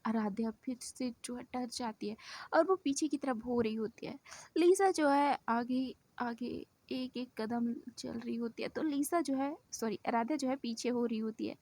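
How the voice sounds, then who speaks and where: A woman tells a love story in a loose, chatty way, looping back over phrases and correcting herself as she goes. Her voice sits a little high for a woman. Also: darkish tone, no room sound. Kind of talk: casual spoken storytelling.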